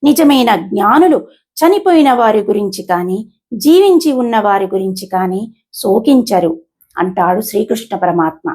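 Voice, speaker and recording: A woman hosting a lesson, explaining verse pronunciation slowly and carefully, syllable by syllable, with English words mixed in. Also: fairly high pitch, darkish tone. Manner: mixes English words into the talk. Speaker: host and Gita teacher.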